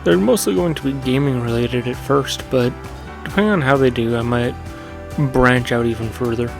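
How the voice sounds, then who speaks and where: A man hosting his own gaming channel delivers a casual, reflective monologue over music in a soothing, creaky, mid-range voice at a moderate pace. He meanders, corrects himself as he goes, and uses fillers.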